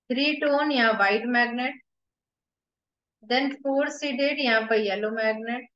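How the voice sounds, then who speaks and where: Indian woman, teacher at a whiteboard, slow and methodical, echoey room. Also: fairly high pitch, fairly bright tone. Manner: explains step by step, mixing Hindi and English, slow and deliberate. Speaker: acupressure teacher. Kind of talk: whiteboard lesson. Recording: echoey room, slightly dull.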